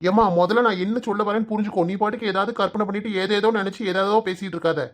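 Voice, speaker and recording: A woman's voice: mid-range voice, steady tone, racing, lightly acted. A woman doing an exasperated young cartoon husband with a Kanyakumari accent. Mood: pleading. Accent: Kanyakumari Tamil. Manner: pleading, arguing back. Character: exasperated young husband, son caught in the middle. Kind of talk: comic cartoon voice acting.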